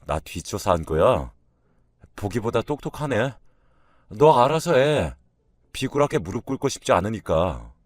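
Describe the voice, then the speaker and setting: A man voicing a defensive, arrogant husband who snaps back loudly and dismissively at his wife in a read-aloud story. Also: lowish voice, big pitch swings, unhurried, pauses often, dry recording, clean studio sound. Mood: cold defiance. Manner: loud, indignant and dismissive.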